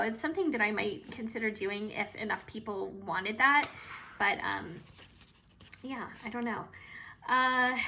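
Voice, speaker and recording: A woman vlogger talking casually through her cash budget, a bit hoarse and chatty, with frequent hesitations. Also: sits high, sharp tone, a little hiss or hum. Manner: chatty and hesitant, with frequent ums and trailing asides.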